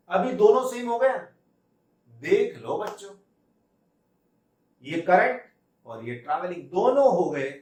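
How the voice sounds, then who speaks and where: Lively physics teacher in an echoey classroom. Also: male voice, high voice, distant mic. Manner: lively, coaxing students with repeated questions. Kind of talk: classroom lecture. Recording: echoey room, voice off-mic.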